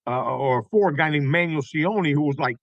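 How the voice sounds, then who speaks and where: A man in his sixties from Tampa, a guest telling stories in an interview, animated and often tagging his points with "okay?". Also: a little high, fairly quick, creaky, dry recording, dull audio. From Tampa, Florida. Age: 60s. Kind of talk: conversational interview storytelling.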